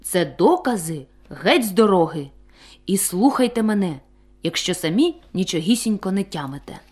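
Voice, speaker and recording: A woman voicing an eager, boastful male puppy who tracks footprints in a storybook tale, excited and commanding. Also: medium pitch, normal speed.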